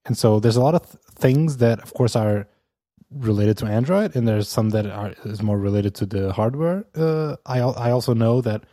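This Amsterdam-based podcast co-host has a warm, mid-range voice and talks at a moderate pace, with no echo in the recording. He chats casually and loosely, laughing a lot and peppering his speech with fillers and false starts.

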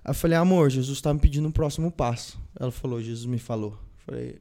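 A man's voice: medium pitch, fast, dark tone. A young Brazilian man, a guest, telling a personal faith story and acting out the dialogue as he goes. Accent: Brazilian Portuguese.

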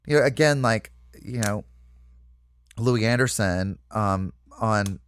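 A man's voice: lowish voice, takes it slowly, clean tone, no echo. A man being interviewed as a comedic actor, talking in a loose, rambling way full of asides and fillers. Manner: rambling, full of "you know" and "like", lively asides. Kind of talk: casual interview chat.

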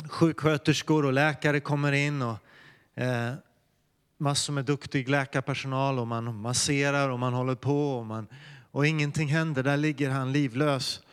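A man's voice: mid-range voice, clean tone. Earnest male preacher in an echoing hall. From Sweden. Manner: earnest storytelling, rising to fervent calls to pray. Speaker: pastor. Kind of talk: sermon with personal testimony.

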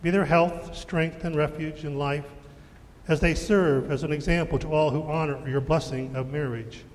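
A man leading the prayers of the church in a measured, solemn way, his voice ringing with a long echo in a large church. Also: fairly high pitch, steady tone. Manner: measured, solemn liturgical reading. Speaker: worship leader. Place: church sanctuary.

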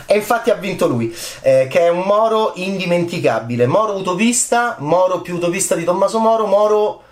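A man, a film critic, giving casual commentary on an awards night, rambling and enthusiastic, moving from soft asides to excited high bursts. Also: brisk, reverberant.

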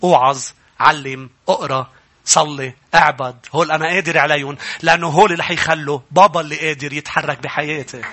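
A middle-aged male pastor with a Lebanese Arabic accent, preaching a sermon that climbs into loud, emphatic passages and calls out for amens. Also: a little high, fairly even intonation, fast.

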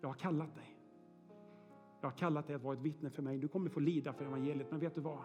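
A man voicing Jesus as a gentle adult man calling someone, in a soft, tender tone during a sermon. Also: on the high side, steady tone, over music, voice pushed down, lightly acted.

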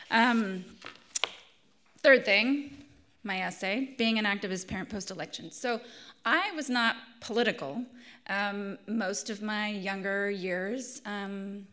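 A scratchy-voiced woman in her thirties reads her own essay aloud at a live event in an arts center hall, starting with a spoken introduction. Her medium-pitched voice is a bit bright, and her earnest delivery includes fillers and restarts.

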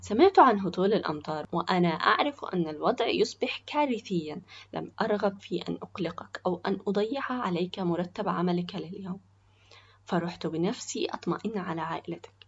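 A woman's voice: on the low side, fast, breathy edge, dull audio. A woman voicing a kind, protective young man who reassures his younger friend. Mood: reassuring. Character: kind, loyal older male coworker, protective.

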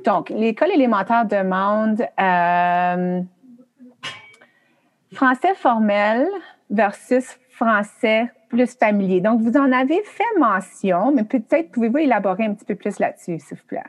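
A woman's voice: medium pitch, measured pace. A middle-aged woman, hosting a casual interview in a chatty, friendly way with many fillers. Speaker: podcast host.

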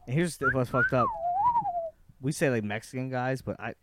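A man's voice: medium pitch, huge pitch swings, normal speed, very noisy. A man with a sweary frat bro manner, chatting casually on a podcast.

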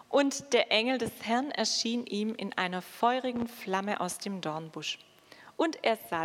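A woman preaching a sermon and reading scripture in a slow, measured way with dramatic pauses. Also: medium pitch. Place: church. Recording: long church reverb.

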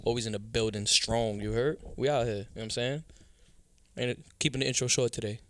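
A man's voice: medium pitch, steady tone, fast talker, a bit bright. A man co-hosting a casual street podcast, laid back and slangy, sounding tired. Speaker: co-host.

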